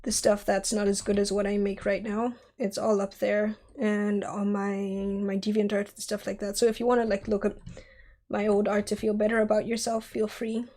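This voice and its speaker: Sculpting live on stream, this young 3D artist in her twenties is talkative and giggly while responding to chat. Her mellow, medium-pitched voice has a flat delivery and moderate pace, roughened into scratchiness by a cold and sore throat.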